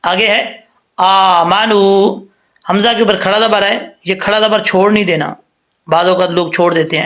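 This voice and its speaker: A man teaching tajweed rules step by step, patient and repetitive, often checking "theek hai?" and slowing down to recite the examples. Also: high-pitched, fairly bright tone. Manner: slows to drawn-out recitation for examples.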